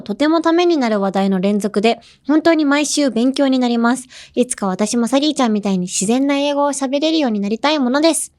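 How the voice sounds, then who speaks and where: A young woman hosting a language-learning podcast, chatting casually and explaining how words are used with quick examples. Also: high voice. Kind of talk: casual bilingual lesson chat.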